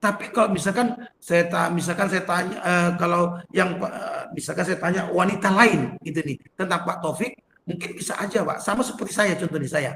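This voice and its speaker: Man, pastor, informal sermon, slightly high voice, keeps addressing listeners, video call, roomy echo. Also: fairly quick, bright, forceful tone, a little hiss or hum. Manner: conversational, addresses listeners as "Pak" constantly. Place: home, online prayer meeting.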